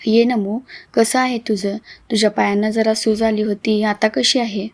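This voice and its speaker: A woman's voice: a little high, level tone, moderate pace, close to an everyday voice. A woman reading as a frail, weary mother. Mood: tender. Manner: soft, tender reading. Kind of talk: storybook reading.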